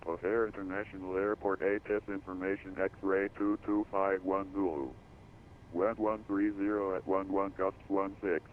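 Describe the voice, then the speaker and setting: A man's voice reading an automated airport weather broadcast over the radio, in a flat, clipped way through codes and numbers. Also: low-pitched, moderate pace. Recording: tinny radio band over faint hiss.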